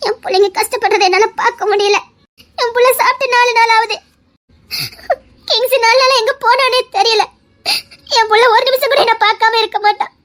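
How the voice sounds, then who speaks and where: A fierce middle-aged village mother, voiced by a woman, shrill and very high, snapping out scolding and curses in a keen, bright tone. She is fiercely protective of her children, and her voice rises and cracks with emotion throughout this audio drama. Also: steady tone, brisk, long pauses. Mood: grieving. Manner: scolding, shouting, cursing, sobbing. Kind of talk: Tamil audio drama acting.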